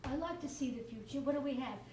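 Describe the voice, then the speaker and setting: Woman as a cheeky charwoman, high voice, chatty, laughing, distant echoey stage recording, faint hiss. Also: fast, a little mellow, lightly acted. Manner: chatty, laughs often, talks to a silent listener. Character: chatty middle-aged charwoman, cheeky and irreverent.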